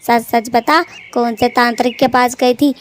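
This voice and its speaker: This is a sharp-tongued old mother-in-law bird from a cartoon, acted by a woman, with a high voice. She taunts and scolds in rustic village speech and never lets up. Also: fairly even intonation, measured pace, slight background noise, lightly acted. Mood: accusing.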